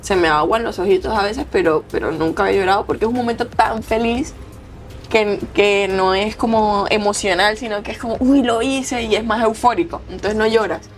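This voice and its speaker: A woman's voice: medium pitch, brisk, soft background music. A young woman with a Colombian accent, a tearful athlete telling stories in an interview and acting out the people she quotes. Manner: expressive, acts out quoted voices. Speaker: athlete guest. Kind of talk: emotional interview storytelling.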